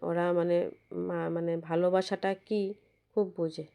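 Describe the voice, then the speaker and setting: A woman narrating a home vlog as a casual voice-over. Her voice is hoarse and cracked from a cold, and she rambles and restarts her words. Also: on the low side, level tone, unhurried, warm tone. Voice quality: husky, cracked voice. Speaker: vlogger narrating her visit. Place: indoors, voice-over recorded at home. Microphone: phone.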